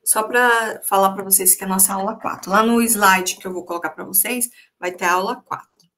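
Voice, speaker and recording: A woman's voice: mid-range voice, steady tone, brisk, bright, forceful tone. A middle-aged woman teacher giving an online lecture to her students, speaking conversationally and often checking in with them, recorded on a computer microphone.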